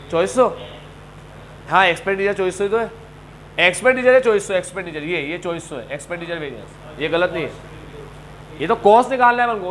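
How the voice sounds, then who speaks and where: A middle-aged man with an Indian accent teaching a coaching class, animated, scolding and joking with his students. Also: high voice, low-quality recording. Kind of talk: classroom lecture.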